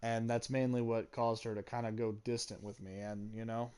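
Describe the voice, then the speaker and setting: A man's voice: on the low side, little pitch movement, normal speed, darkish tone, clean tone. A young man candidly telling a personal story, swearing freely and sounding regretful. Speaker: gaming channel host.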